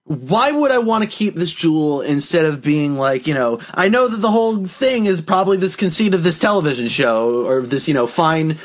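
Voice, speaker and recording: A man in his thirties on a comedy podcast, animated and sweary, picking apart the premise with questions. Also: fairly high pitch, moderate pace, hardly any pauses. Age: 30s. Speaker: podcast co-host. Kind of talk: casual comedy podcast chat.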